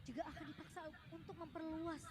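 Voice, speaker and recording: A woman's voice: very high-pitched, little pitch movement, quick pace, noisy background. A woman with an Indonesian accent giving analytical commentary as co-caster of an esports match.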